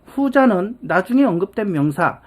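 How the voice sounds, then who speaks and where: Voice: medium pitch, big pitch swings, normal speed. An English grammar teacher giving a casual spoken lesson, chatty and explanatory, who acts out little quoted dialogues. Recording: background music.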